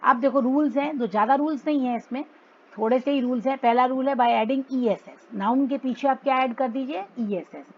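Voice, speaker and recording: A woman's voice: sits high, fairly quick, highs cut off. Woman teacher drilling grammar words. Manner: mixes Hindi and English, repeats words for drilling. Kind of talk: explaining grammar to schoolchildren.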